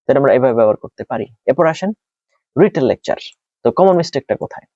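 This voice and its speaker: A Bangladeshi man giving a screen-share lesson on test speaking tips, talking quickly in Bengali and slowly and deliberately in English. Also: medium pitch, lively intonation, mellow, no echo, highs cut off. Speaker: test prep teacher.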